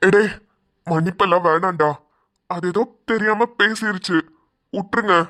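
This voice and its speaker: Kindly forgiving old grandfather in a cartoon, voiced by a man; calm, fairly high voice. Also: moderate pace, noisy background, lightly acted. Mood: consoling. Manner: calm, consoling. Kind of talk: cartoon voice acting.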